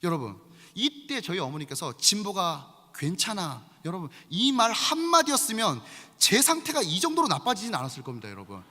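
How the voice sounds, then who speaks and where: A man in his forties preaching a sermon as pastor, conversational and animated, often calling out to the congregation. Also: high voice, fairly quick. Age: 40s. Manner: lively, conversational preaching with frequent appeals to the congregation. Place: large church sanctuary. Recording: long reverb of a large hall.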